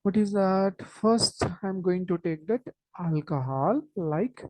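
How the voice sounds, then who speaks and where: A woman with an Indian accent teaching an online lesson in a halting, repetitive way, dropping in Hindi interjections. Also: medium pitch, expressive, no room sound. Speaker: chemistry teacher.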